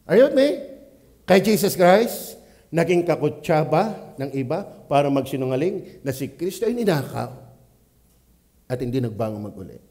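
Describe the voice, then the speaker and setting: A man with a Batangas accent, a pastor preaching at a church prayer meeting, swinging from quiet asides to loud exclamations. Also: fairly high pitch, sing-song, moderate pace. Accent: Filipino, Batangas.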